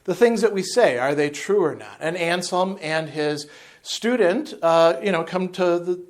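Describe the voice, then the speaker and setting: Brief: man, 50s, lively lecturer, slightly higher voice, talks with his hands, lapel mic. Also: unhurried. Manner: animated, gesturing, with asides and restarts. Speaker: philosophy lecturer. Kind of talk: unscripted lecture to camera. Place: indoor room in front of a chalkboard.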